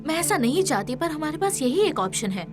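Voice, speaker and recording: An earnest young event planner. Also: female voice, sits high, very animated. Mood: reasoning. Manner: earnest, quick to push back. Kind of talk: Hindi movie dub. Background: background music.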